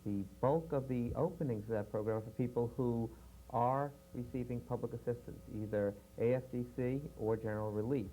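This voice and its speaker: A man explaining a training program in a measured way with frequent fillers, heard from a worn VHS tape copy. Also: mid-range voice, mellow, poor audio. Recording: worn VHS tape with faint hiss and hum.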